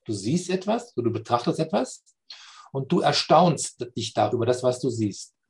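A man explaining spiritual and philosophical ideas in a slow, reflective conversation, often checking understanding with "ja?". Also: medium pitch, big pitch swings.

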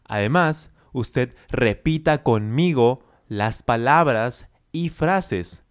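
A man teaching as a Spanish coach, enunciating slowly and carefully through repeat-after-me drills and praising the listener often. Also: on the low side, smooth.

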